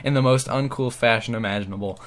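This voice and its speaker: A man's voice: medium pitch, fast. A man hosting a gaming video on a headset mic, reading funny stories aloud and often cracking up mid-read.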